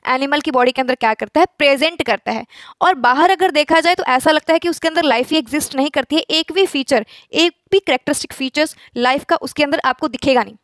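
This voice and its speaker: High-pitched woman teaching biology. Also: fairly bright tone, no room sound, studio quality. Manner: asks rhetorical questions and answers them herself; mixes English phrases into speech. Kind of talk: classroom lecture.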